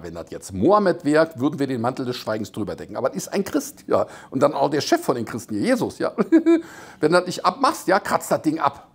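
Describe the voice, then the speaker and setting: A man delivers a satirical news rundown in a breathy, slightly raspy voice. His pitch jumps up and down as he mocks each story. He rambles and chuckles at his own jabs. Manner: mocking, rambling, laughs at his own jokes. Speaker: satirical commentator. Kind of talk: sarcastic news commentary. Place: Las Vegas.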